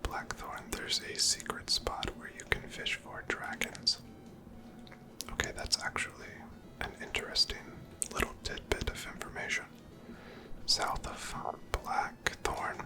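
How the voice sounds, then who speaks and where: Unhurried and musing, an ASMR game streamer whispers commentary over gameplay in a breathy voice that's fully unvoiced.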